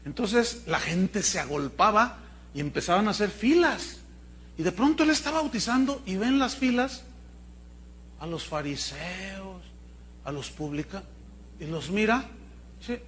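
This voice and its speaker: Man, Mexican accent, pastor, sermon, animated storytelling, high voice. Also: unhurried, long pauses, a little hiss or hum. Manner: animated, colloquial, humorous storytelling.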